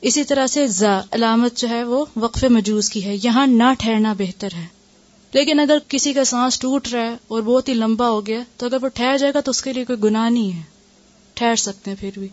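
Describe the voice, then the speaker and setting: A woman's voice: fairly high pitch, no room sound, highs cut off. A woman teaching a lesson, explaining step by step and answering her own questions. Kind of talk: classroom lesson.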